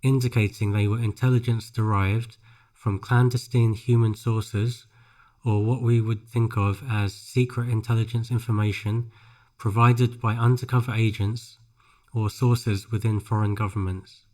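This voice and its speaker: A man reads scripted narration for a pronunciation drill, phrase by phrase, with careful, measured enunciation. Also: fairly low pitch, little pitch movement, warm tone. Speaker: English shadowing practice narrator.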